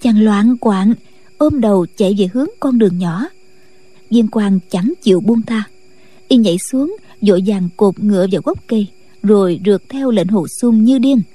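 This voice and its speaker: A woman narrating a martial-arts novel in a steady, scripted late-night storytelling style. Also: mid-range voice, moderate pace, no echo. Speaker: audiobook narrator.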